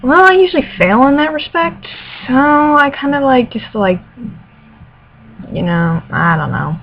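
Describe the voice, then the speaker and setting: A woman's voice: sits high, expressive, unhurried. A woman speaking casually in a hesitant, think-aloud way, answering questions and reading aloud. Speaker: accent challenge participant. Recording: tinny phone-like audio with background noise. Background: radio playing music in the background.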